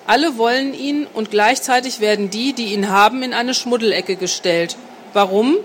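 A smooth, seductive grown man, read by a woman. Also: fairly high pitch, moderate pace, slight background noise, natural voice. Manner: smooth, persuasive, teasing. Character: confident seductive grown man, calm and worldly. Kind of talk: audiobook reading.

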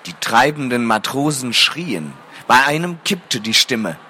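A man's voice: mid-range voice, big pitch swings, unhurried, bright, forceful tone, slightly rough. A man reading a fantasy novel aloud to an audience, addressing listeners formally between passages.

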